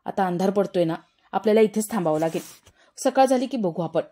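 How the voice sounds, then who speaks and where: A woman reading as a calm reassuring young man. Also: medium pitch, a little fast, lightly acted.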